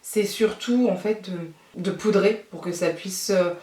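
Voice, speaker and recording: A young French woman, a beauty vlogger, chats casually while doing a makeup tutorial, thinking out loud with plenty of fillers. Her mellow, medium-pitched voice moves a little slowly and sounds distant from the mic, in an echoey room.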